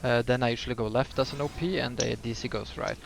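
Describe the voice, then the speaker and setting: Male gamer, nasal with a noticeable lisp and vocal fry, hesitant casual guide commentary over clearly noisy audio with typing. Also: medium pitch, fairly even intonation, fast talker. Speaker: gamer giving a healer guide. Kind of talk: casual game walkthrough commentary. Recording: clear background noise, keyboard typing.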